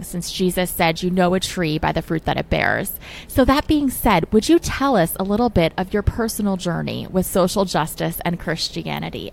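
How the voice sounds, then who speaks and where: A woman's voice: fairly low pitch, creaky, slight background noise. A woman hosting a podcast, introducing her guest in an effusive, gushing way with many "just" and "like" fillers, then asking him questions. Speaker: podcast host. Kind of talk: enthusiastic podcast introduction and interviewing.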